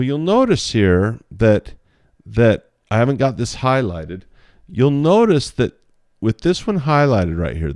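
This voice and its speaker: A man's voice: mid-range voice, darkish tone, no echo, studio quality. A man teaching options trading in a casual screen-share lesson, chatty and playful, thinking aloud while he draws on a chart.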